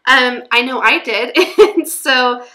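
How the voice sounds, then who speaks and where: An excited woman vlogger chats casually about planning. Her voice is bright and sits a little high. She sounds upbeat as host of her own craft series. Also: takes it slowly. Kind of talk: casual vlog chat, walking through craft planning.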